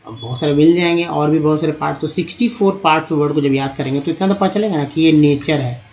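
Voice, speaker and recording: A man teaching English spelling and pronunciation, drilling each sound slowly and repeating it, and addressing the viewers as friends. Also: fairly high pitch, darkish tone. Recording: dull lo-fi sound.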